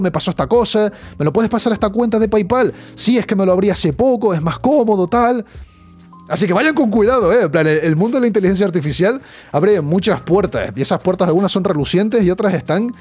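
Podcast host: young Spanish man, Spain Spanish accent, slangy and animated, with a voice a bit on the high side. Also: breathy edge. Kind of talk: casual news chat.

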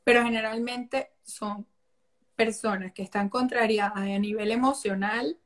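A woman with a fairly high voice talks through her own family anecdotes as a guest. She speaks in an easy, warm conversational way, lively and personal. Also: a little slow. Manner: warm storytelling, acts out family quotes. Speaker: holistic therapist guest. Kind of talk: casual interview conversation.

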